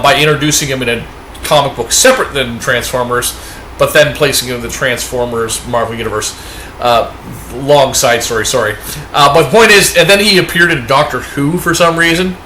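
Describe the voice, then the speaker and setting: Rambling cheerfully with plenty of fillers, a Canadian man who reviews comics shows off his latest finds. His mid-range voice comes across bright and forceful, recorded in an echoey room with slight background noise.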